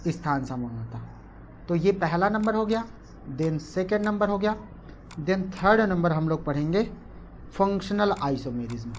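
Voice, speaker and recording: A woman's voice: fairly low pitch, slight background noise. A woman teaching a chemistry class online, mixing English terms in and repeating questions to the class before answering them herself. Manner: repetitive, asks and answers her own questions; mixes English terms into speech.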